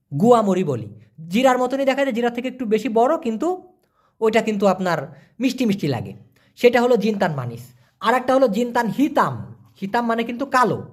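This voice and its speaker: A man teaching vocabulary, explaining patiently and repeating words slowly syllable by syllable. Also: very high voice. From Bangladesh. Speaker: language teacher. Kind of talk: vocabulary lesson.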